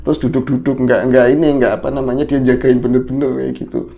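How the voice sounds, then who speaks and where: Gravelly man telling a spooky story. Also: quick pace. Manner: animated retelling, jumps up in pitch for quoted speech. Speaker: podcast co-host telling a story. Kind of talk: casual horror storytelling chat.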